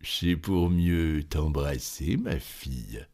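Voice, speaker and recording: A hungry, sly wolf from a storybook speaks in slow, low, menacing tones, as a man reads him out. His voice drags with a sinister calm. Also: full character voice.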